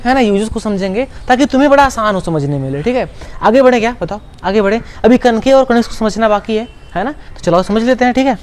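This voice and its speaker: A man's voice: very high voice, slight background noise. A male teacher giving an online class lecture. He asks his students questions, answers them himself, and repeats key words to make them stick.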